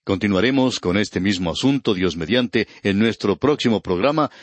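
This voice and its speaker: A man's voice: lowish voice, animated, normal speed, no room sound. A man teaching a scripted radio Bible study, speaking earnestly and directly to the listener. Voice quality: husky.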